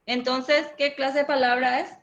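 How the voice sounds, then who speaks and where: A woman's voice: high-pitched, level tone, unhurried, a bit bright, lo-fi sound, a little hiss or hum. A woman teacher giving a grammar lesson, patiently questioning her students. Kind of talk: online Spanish grammar lesson.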